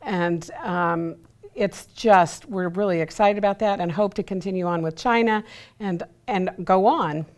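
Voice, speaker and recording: A woman's voice: medium pitch, unhurried, a little mellow. A woman appearing as a studio guest on a local TV interview, speaking enthusiastically with lots of fillers. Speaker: committee chair, studio guest.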